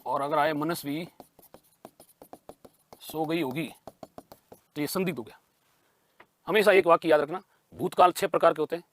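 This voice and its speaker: A man's voice: fairly high pitch, steady tone, moderate pace, long pauses. A man teaching a grammar lesson for exam prep. He asks questions and answers them himself, and he repeats key terms.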